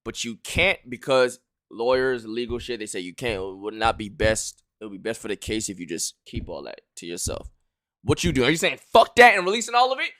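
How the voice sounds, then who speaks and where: A man's voice: mid-range voice, very animated, brisk, fairly bright tone, no echo, clean studio sound. A male streamer giving casual reaction commentary, repeating himself and talking to his chat. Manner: repeats phrases, talks to chat.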